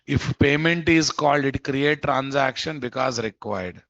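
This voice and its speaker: Unhurried and a bit bright with vocal fry, this medium-pitched man's voice belongs to a programming instructor with an Indian Telugu accent. In his informal live lesson he asks questions and answers them himself, repeating phrases to stress points. There's no echo, and the close lo-fi recording sounds dull and muffled.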